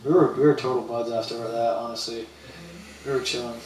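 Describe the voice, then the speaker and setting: A young man streams, telling a rambling, slangy story in casual chat and doing voices when quoting people. His mid-range, darkish voice is brisk with little pitch movement, picked up off-mic in a roomy space with faint ambience and slight background noise.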